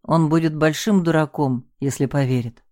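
A woman's voice: low voice, fairly even intonation, moderate pace, darkish tone, lightly acted. A woman reading the lines of a sardonic man who barks orders in a gunfight. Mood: gruff, mocking. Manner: mocking, terse, barks orders.

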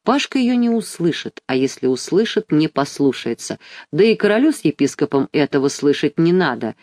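Measured audiobook reader, dry sound. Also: medium pitch, sing-song, a little mellow, no room sound. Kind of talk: scripted audiobook narration.

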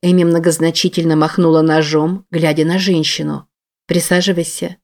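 A woman reads a novel aloud in a low voice, with an even, steady narration. Her delivery is controlled and scripted throughout. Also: moderate pace. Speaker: audiobook narrator.

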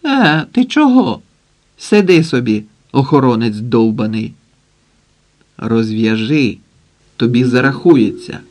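A man's voice: medium pitch, animated, a little slow, long pauses, darkish tone. A man voicing a brash, coarse middle-aged woman in an audiobook, bossy and wheedling by turns. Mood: scolding.

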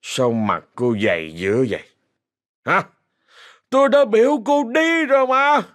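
A man's voice: fairly low pitch, moderate pace, no room sound, natural voice. A man voicing a drunken, bitter young husband who lashes out. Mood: angry drunk. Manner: slurring, lashing out.

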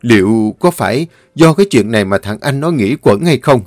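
A man narrating an audiobook story in a measured, dramatic way. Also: mid-range voice, lively intonation, no echo. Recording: dry close recording with soft music.

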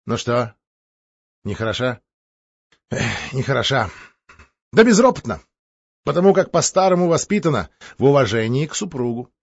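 Guy voicing a loud bragging count, laughy and husky, dry sound. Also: medium pitch, very animated, moderate pace, pauses often, no echo, highs cut off. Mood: boastful. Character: boisterous boastful male count, middle-aged. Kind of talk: audiobook character voice.

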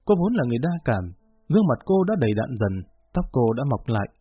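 A man reading a novel aloud as an audiobook narrator, in measured, steady storytelling. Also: mid-range voice, slightly rough, no room sound. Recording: muffled lo-fi with faint music.

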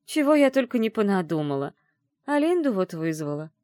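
A woman reading the part of a caring, shrewd middle-aged witch mother in an audiobook, in a gentle, teasing way. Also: mid-range voice, sing-song, a little fast, no room sound, studio quality, pitched above the performer's own voice, close to an everyday voice. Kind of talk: audiobook character voice.

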